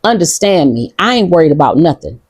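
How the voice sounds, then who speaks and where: A Detroit woman vlogs outdoors in Ghana, addressing viewers casually and bluntly with defiance and profanity in her Detroit accent. Her voice sits low, darkish and husky, sing-song and brisk, on a dry recording.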